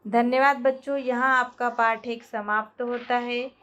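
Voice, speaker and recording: A woman teacher with a Hindi accent, slowly reading out question-and-answer notes for a school grammar lesson. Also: fairly high pitch, fairly even intonation, a bit bright. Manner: slow, deliberate dictation pace.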